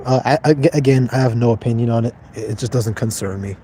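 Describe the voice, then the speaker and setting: A young man in his twenties with a dark, mellow voice talks casually on a livestream. He answers viewers in a blunt, offhand way and swears freely. A faint hum of noise sits behind him. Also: medium pitch, fairly even intonation, quick pace. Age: 20s. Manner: blunt, profane, detached and offhand. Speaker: livestreamer reading chat.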